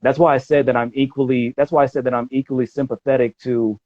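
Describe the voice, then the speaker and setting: A man's voice: mid-range voice, level tone, fast, darkish tone, dry recording. A man speaking in a casual conversation as a guest, discursive and arguing his point at length. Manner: discursive, argumentative. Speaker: podcast guest. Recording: dull dry audio.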